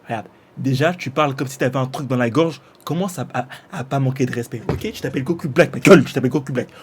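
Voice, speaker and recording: A man, a streamer chatting casually and mockingly, slangy and teasing, swinging between loud outbursts and mumbles. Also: medium pitch, fast talker, noisy background. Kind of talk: casual mocking chat with a chatbot.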